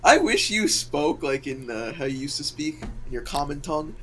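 A man's voice: fairly high pitch, lively intonation, moderate pace, over music. Teasing man over voice chat. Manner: teasing, blunt. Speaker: gaming friend. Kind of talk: casual voice chat.

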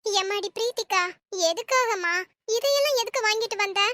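A woman's voice: very high-pitched, a little fast, sharp tone, dry recording, clean studio sound. A woman voicing a worried, emotional middle-aged mother in a Tamil cartoon, pleading and tearful in how she talks. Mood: tender.

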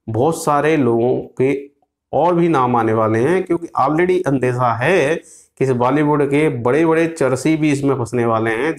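A man in his thirties from India, delivering opinionated news commentary to camera in a small indoor room, moralizing and fiery, mixing English phrases in with frequent fillers. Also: medium pitch.

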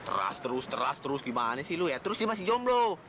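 A man's voice: medium pitch, quick pace, noisy background, lightly acted. An actor playing a cheeky young man who teases his friends while playing matchmaker. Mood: teasing. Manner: teasing, boastful, lively banter. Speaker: actor in comedy drama.

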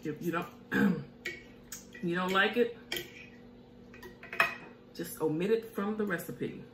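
Eating and humming as she goes, this middle-aged mukbang host chats casually on her home cooking show in a fairly low voice, speaking slowly. The setting is an indoor home kitchen, captured in an echoey room with a slight hiss.

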